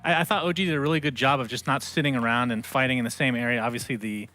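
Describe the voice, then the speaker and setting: A man giving relaxed, conversational match analysis on an esports desk. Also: mid-range voice, racing.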